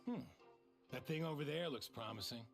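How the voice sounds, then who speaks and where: An actor voicing an earnest, practical male guard captain in a game, steady and plain-spoken. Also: a little high, moderate pace, gravelly, slightly rough, full character voice. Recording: game audio with music behind.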